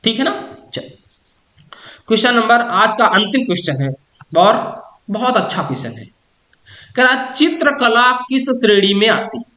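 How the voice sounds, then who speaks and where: Male tutor with a sharp, bright tone who quizzes and answers himself; recorded in an echoey room. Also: high voice, very animated. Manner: asks questions aloud and answers them himself; repeats key answers slowly for emphasis. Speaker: teacher. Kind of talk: exam-prep lesson.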